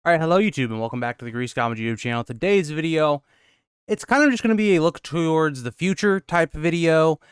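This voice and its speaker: Breathless young man, very clear voice. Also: on the high side, lively intonation, fast talker, no echo, clean studio sound. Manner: loose and rambling, full of "um" and "kind of" hedges. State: out of breath after a workout. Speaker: YouTube channel host. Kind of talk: casual channel update talk.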